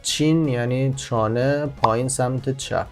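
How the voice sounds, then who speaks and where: A man hosting a language-learning channel, explaining a screen-recorded word game step by step and slowing down on word meanings. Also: mid-range voice, steady tone, over music. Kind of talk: screen-recorded tutorial voice-over.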